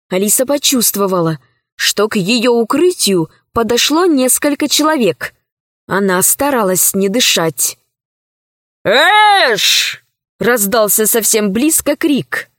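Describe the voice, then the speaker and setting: A woman narrating a children's adventure book in a calm, unhurried, clear reading voice. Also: mid-range voice, no echo, studio quality. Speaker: storyteller.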